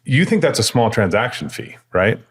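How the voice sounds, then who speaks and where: A man's voice: medium pitch, big pitch swings, moderate pace, breathy edge. A man who grew up in Sudan and Kenya, a guest in a casual interview, who explains things thoughtfully and at length, often restarting his sentences. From East Africa, grew up in Sudan and Kenya.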